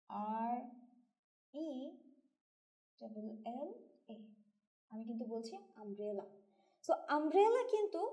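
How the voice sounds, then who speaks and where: A woman's voice: high voice, dark tone. A woman teacher with a Bangladeshi Bengali accent gives a grammar lesson, patiently explaining step by step and asking her students questions. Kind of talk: classroom-style grammar lesson.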